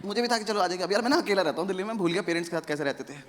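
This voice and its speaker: A young man from India doing stand-up comedy. He tells stories in a sardonic, conversational way, with sudden loud outbursts. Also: high-pitched, animated, racing. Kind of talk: stand-up comedy with crowd work. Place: live comedy venue with audience laughter. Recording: noisy live show recording.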